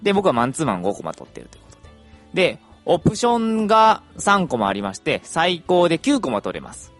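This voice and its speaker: Chatty young man with lively, swooping intonation. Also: on the high side, quick pace, soft background music. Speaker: podcaster. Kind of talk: casual podcast monologue.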